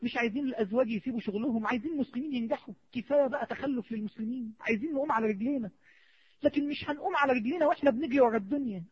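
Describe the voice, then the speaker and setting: A man with an Egyptian Arabic accent preaching a sermon, impassioned, moving between hushed pleading and rising exhortation. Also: extremely high pitch, very fast, husky. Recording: dull lo-fi recording.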